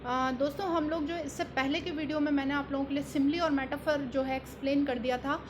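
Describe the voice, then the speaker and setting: A woman with an Indian accent teaching an exam-prep lesson. She explains in Hindi mixed with English terms, with many "uh" fillers, and reads the English examples slowly. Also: sits high, fairly even intonation, noisy background.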